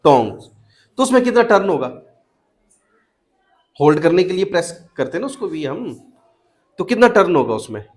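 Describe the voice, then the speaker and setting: A man's voice: sits high, big pitch swings, normal speed, long pauses. A young man teaching a math class to children, coaxing them with repeated questions in a classroom. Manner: questioning, coaxing students to answer. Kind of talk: classroom teaching, mixing Hindi and English.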